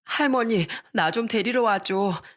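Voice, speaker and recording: A woman's voice: mid-range voice, a little slow, pitched above the performer's own voice, natural voice. A woman voicing an upset young girl pleading with her grandmother, tearful.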